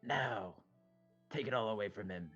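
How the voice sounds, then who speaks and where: Man voicing a low, menacing werewolf-like mad wolf. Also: moderate pace, a bit bright, husky. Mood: commanding. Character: mad glowing-eyed male wolf spirit, menacing, werewolf-like. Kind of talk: tabletop role-play character voice. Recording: dull lo-fi mic, music behind.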